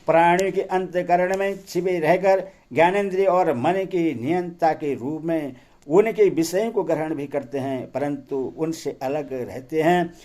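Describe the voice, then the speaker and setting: A man reads sacred scripture aloud in a devotional style, with a solemn, measured delivery. His voice sits a little high for a man, and he takes his time with each phrase. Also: a little mellow. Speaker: scripture reader.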